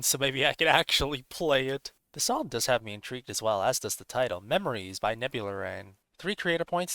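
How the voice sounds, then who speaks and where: A man giving casual gameplay commentary, excitable and laid-back, full of swearing and surfer-bro slang. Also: medium pitch, clean tone, dry recording. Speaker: gaming video host.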